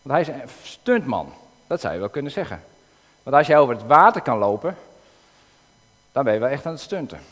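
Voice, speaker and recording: A man giving a sermon, reading a Bible passage aloud and retelling it in a calm, explanatory way with occasional hesitations. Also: medium pitch, a little fast, long pauses. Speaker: preacher. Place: church in the north of the Netherlands. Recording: long reverb of a church hall.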